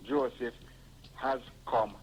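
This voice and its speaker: Man phoning in, preachy and rambling, mid-pitch voice. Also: fairly even intonation, slow pace, highs cut off, slight background noise. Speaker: caller. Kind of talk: phone-in call.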